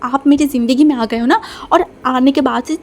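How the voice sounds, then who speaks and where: A hot-headed young husband snaps back in indignant retorts, as a woman reads him. The voice is high, with a warm, mellow tone. It comes across as a storybook part. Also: normal speed. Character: fiery, quick-tempered young male spouse.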